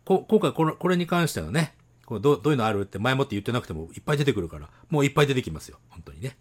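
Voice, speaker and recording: A man co-hosting a casual podcast chat, animated and teasing, laughing often. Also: mid-range voice, rapid-fire. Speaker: podcast co-host.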